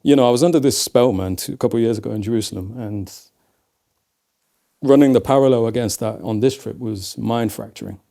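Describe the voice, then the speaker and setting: A man's voice: medium pitch, fairly quick, vocal fry, warm tone. A man from Leicester with an English accent, reflectively telling stories in a casual conversation. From England. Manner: reflective, storytelling, says "man" often. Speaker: guest.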